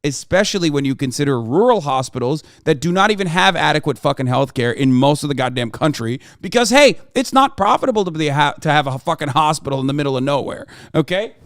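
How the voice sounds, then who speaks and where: A man's voice: a little high, animated, quick pace, few pauses, no echo, clean studio sound. A man hosting a livestream, ranting about politics at his chat in a profane, combative and sarcastic way. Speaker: livestream host. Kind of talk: heated political rant to chat.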